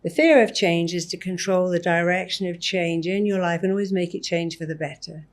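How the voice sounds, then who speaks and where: A woman therapist on a podcast interview, talking in an animated way and acting out examples of self-talk. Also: on the low side, a little fast. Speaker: therapist guest.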